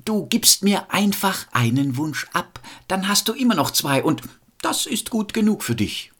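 A bossy peasant wife from a storybook makes her demands, voiced by a man. The voice is pitched high and sounds a little husky. She rules the house and lets it show. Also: big pitch swings, a little slow, a bit bright, exaggerated voice.

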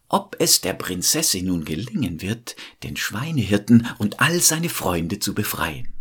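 A man's voice: on the low side, husky. A man telling a fairy tale aloud and speaking directly to his listeners. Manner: warm, addresses listeners directly. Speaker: storyteller.

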